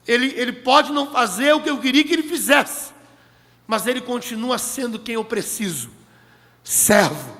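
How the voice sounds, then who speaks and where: A man's voice: very high voice, expressive, normal speed, sharp tone. A man preaching a sermon in a church meeting hall, emphatic and repeating key phrases to the congregation. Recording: long echoey hall reverb.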